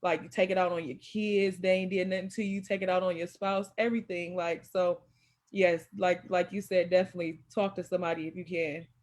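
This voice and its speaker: A woman's voice: lowish voice, little pitch movement, a little fast, a little mellow. A woman guest talking casually and earnestly, filling her speech with "like.". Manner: earnest, says "like" often. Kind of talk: casual chat.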